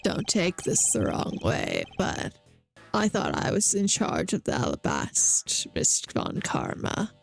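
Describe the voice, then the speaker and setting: A woman voicing a cocky, dismissive male agent in a video game, with cool, condescending, drawn-out delivery. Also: fairly low pitch, wildly swooping pitch, vocal fry, faint music behind, voice pushed down, heavily acted. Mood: placating. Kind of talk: acted video game dialogue read-aloud.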